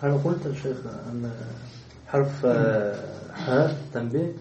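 Brief: male student in class, quiet hesitant questions, far from the mic in an echoey room. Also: mid-range voice, normal speed, a little hiss or hum. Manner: short hesitant questions to the teacher.

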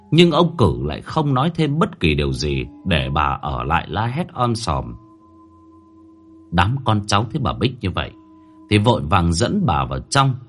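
A man narrating a horror story in a dramatic manner, slowing down at tense moments. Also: lowish voice.

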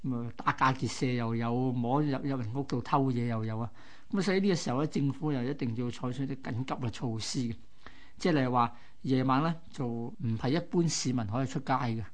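A radio co-host with a Hong Kong Cantonese accent tells local history in a colloquial, explanatory way, like a conversational story. His voice is medium-pitched and brisk.

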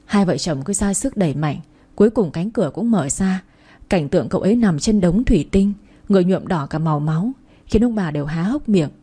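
A woman storyteller reading a story in a steady, even scripted narration. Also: lowish voice, a little fast, slightly rough.

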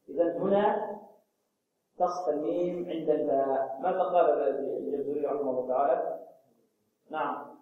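A man teaching Quran recitation rules, who asks his class questions and then answers them himself and draws out words slowly to show how they are said. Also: on the high side, dark tone, muffled recording. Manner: demonstrates pronunciation slowly and drawn out. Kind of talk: tajweed lesson. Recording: very echoey room, voice far from the mic.

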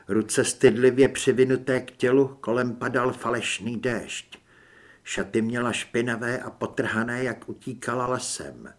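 A man narrating a first-person audiobook with dramatic, lively storytelling. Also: medium pitch.

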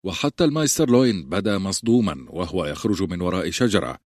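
A male audiobook narrator with a very low, deep voice tells the story in a steady way. The recording is dry, with no room sound. The narration is fully scripted. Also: quick pace, dry recording.

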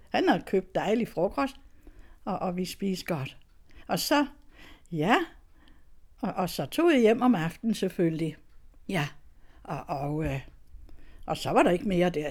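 A woman's voice: on the low side, lively intonation, long pauses, a little mellow. An older woman tells her own story in a loose, chatty way. She laughs often between her words and restarts her sentences again and again. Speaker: guest telling her story. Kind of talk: casual storytelling.

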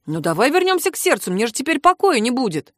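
A woman's voice: high-pitched, very animated, quick pace, dry recording, studio quality, voice pushed up. A woman voicing a cheeky young prince trapped in a woman's body, speaking in a teasing, mocking way.

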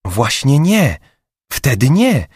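A man's voice: mid-range voice, wildly swooping pitch, slow, husky, no room sound, clean studio sound, voice pushed up, full character voice. A man voicing a chatty, anxious young female receptionist who gossips with a raised voice, for an audiobook. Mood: awed. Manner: raised gossipy voice, later hushed whispering.

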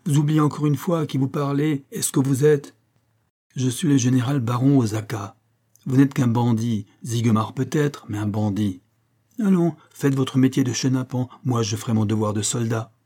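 A man reading the lines of a calm, haughty general baron in an audiobook, speaking with proud command. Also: medium pitch, moderate pace, slightly rough, lightly acted.

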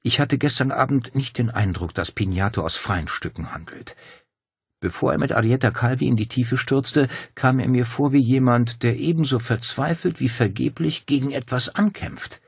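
Earnest, composed female police commissioner in an audiobook, read by a man, raised and slightly husky, measured delivery. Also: medium pitch, dry recording, studio quality, voice pushed up. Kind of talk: audiobook character voice.

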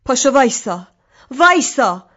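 A woman reading an audiobook, voicing a harsh, worn-out mother of a toddler in a scolding, shouting manner. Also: medium pitch, muffled recording, lightly acted. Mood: angry.

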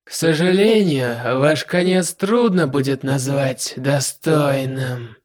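A man voicing a smug, menacing male demon lord with a dry voice, speaking slowly and in a drawn-out way. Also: mid-range voice, natural voice. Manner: slow, drawn-out, self-satisfied delivery.

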